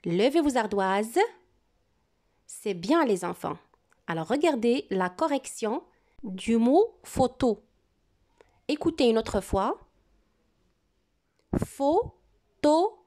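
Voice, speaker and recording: A woman teacher leads a dictation in a slow, deliberate way, repeating each word twice so children can write it down. Her voice sits a little high and mellow, and it rises and falls a lot as she stresses the syllables. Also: animated. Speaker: primary school teacher. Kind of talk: classroom dictation lesson.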